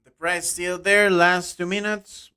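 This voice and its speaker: A man's voice: high voice, flat delivery, measured pace, bright, forceful tone, clean tone. A young man from Costa Rica with a Costa Rican accent, hosting a live trading stream in his second language and answering viewer questions bluntly, his voice trailing off at the ends of phrases. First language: Spanish. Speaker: trading livestream host.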